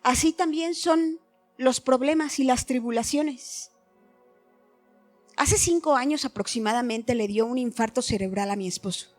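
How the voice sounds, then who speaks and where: A woman's voice: high-pitched, unhurried, faint music behind. A middle-aged woman giving an earnest, heartfelt personal testimony at a church meeting.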